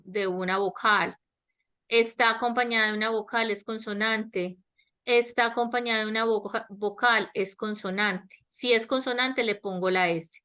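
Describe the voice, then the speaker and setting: Through a webinar headset or laptop mic, a woman with a mid-range, sharp-toned voice gives an online English grammar lesson in Spanish with a Latin American accent. She speaks slowly and explanatorily, often repeating questions to confirm students understand.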